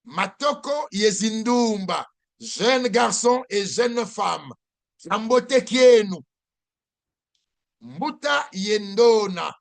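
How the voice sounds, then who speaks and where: A man teaching a language lesson, saying each phrase slowly and repeating it for learners. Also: high-pitched, creaky, a bit bright.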